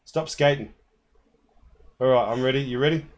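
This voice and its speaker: A man from New Zealand streaming a hunting game, talking casually and relaxed with some "uh" fillers. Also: medium pitch, moderate pace. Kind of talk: casual gameplay commentary.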